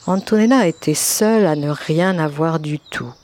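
A woman narrating an audiobook story with expressive, lively storytelling. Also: sits low, normal speed, slight background noise. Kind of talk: audiobook reading.

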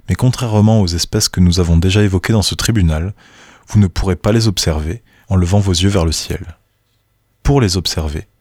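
A man reading scripted nature documentary narration in a measured, informative manner, with a husky voice. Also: deep voice, a little mellow, no echo, studio quality.

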